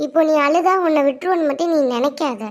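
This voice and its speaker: A gentle, high-voiced cartoon sister-in-law who speaks softly and patiently and coaxes the others to calm down, voiced by a woman. She is measured and soothing. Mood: coaxing. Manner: soft, soothing, slow.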